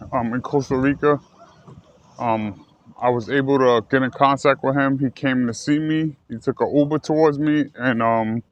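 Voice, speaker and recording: A man from the United States talking casually and earnestly to his viewers, rambling and correcting himself as he goes. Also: medium pitch. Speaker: vlogger. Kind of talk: casual personal talk to camera. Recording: slightly dull lo-fi recording with faint ambient noise.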